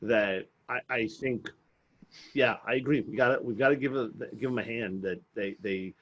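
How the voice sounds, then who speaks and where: A man's voice: mid-range voice, normal speed, a bit bright, lo-fi sound. A man co-hosting a podcast in casual chat, blunt and sarcastic, often repeating words as he starts a thought. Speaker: podcast co-host.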